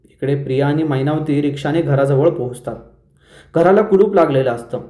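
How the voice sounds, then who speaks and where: Mellow-voiced man recapping a TV serial. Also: a little high. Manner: brisk storyteller who briefly lifts his voice for quoted lines. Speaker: serial episode reviewer and host. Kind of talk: retelling a TV serial episode. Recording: roomy echo.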